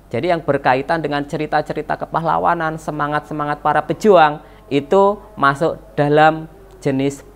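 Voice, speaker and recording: A woman teacher explaining a lesson to children, patient, repeating key words and checking in with them. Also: on the low side. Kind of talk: slow classroom explanation to children.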